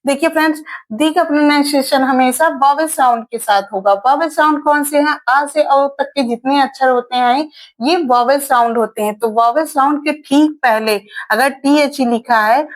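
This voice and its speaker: High-voiced woman teaching grammar. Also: normal speed, rough recording. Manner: repeats points, asks and answers her own questions. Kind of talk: explanatory lesson.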